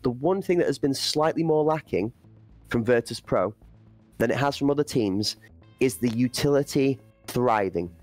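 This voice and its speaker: A man's voice: mid-range voice, darkish tone. A man commentating an esports playoff, breaking down play and building hype for the chat. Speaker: esports caster.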